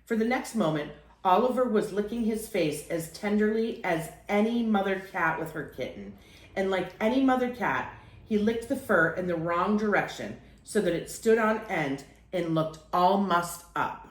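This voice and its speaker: In an expressive storytelling manner, a woman with a mid-range voice reads aloud from a children's picture book at normal speed. The room sounds echoey and the audio quality is poor.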